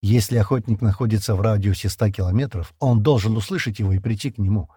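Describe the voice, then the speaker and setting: A man narrating an audiobook chapter in an expressive reading. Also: lowish voice, fast talker, breathy edge, no echo, clean studio sound. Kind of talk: scripted narration.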